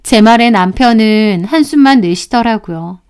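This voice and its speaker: A woman's voice: fairly high pitch, expressive, normal speed, a little mellow, clean tone. A woman narrating a first-person story, indignant and emphatic as she recounts events.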